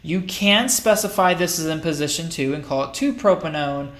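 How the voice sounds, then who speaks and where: A man walks through a chemistry lesson in an easygoing, unscripted way, pausing to think and fixing his own slips as he goes. His voice sits a little high for a man. The recording carries a noticeable room echo. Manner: relaxed, thinking aloud with fillers and self-corrections. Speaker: chemistry lecturer. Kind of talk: casual recorded lecture over slides. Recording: roomy echo.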